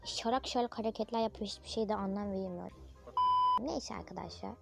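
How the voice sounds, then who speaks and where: A woman's voice: medium pitch, fairly quick, vocal fry, over loud music. A young female narrator chatting through a toy role-play video, playful and dramatic, talking straight to her viewers.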